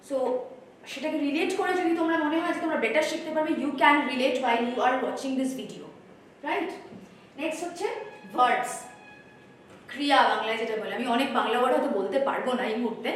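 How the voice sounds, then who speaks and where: A woman's voice: sits high, a little fast, slight background noise. A woman teacher with a Bengali accent, introducing a spoken English course and explaining step by step while mixing Bengali and English. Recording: roomy echo, voice from far off.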